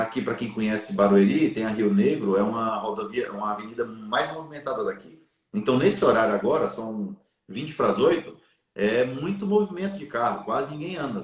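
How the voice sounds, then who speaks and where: A man recounts a personal story at length and turns it into a lesson about faith and giving. He speaks earnestly, with a preachy storyteller's cadence, in a mid-range voice. The sound carries a noticeable room echo. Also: mid-range voice. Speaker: live stream guest. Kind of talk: storytelling in a live chat.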